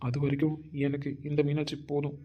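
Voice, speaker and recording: A man's voice: on the high side, monotone, fairly quick, muffled recording, natural voice. A man playing a remorseful young husband who speaks earnestly and apologetically in an amateur audio drama. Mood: remorseful, tender.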